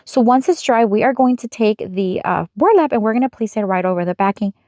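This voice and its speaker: A young woman with a fairly high voice talks viewers through a craft project. She keeps her voice-over chatty and upbeat, explaining each step plainly. The sound is close and dry, with no room around it. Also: animated, a little fast, dark tone, no echo. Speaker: craft channel host.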